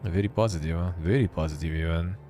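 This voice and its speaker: On a live stream, a man with a deep, warm voice chats offhandedly at a quick pace, reading text aloud and adding wry asides. He's a streamer and show host doing casual commentary, with soft music playing in the background.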